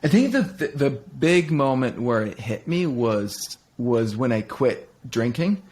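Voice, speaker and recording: In a reflective personal conversation, a middle-aged man from Denmark speaks openly as an interview guest about his life, with many fillers and restarts. His medium-pitched voice is sing-song, unhurried and a little mellow.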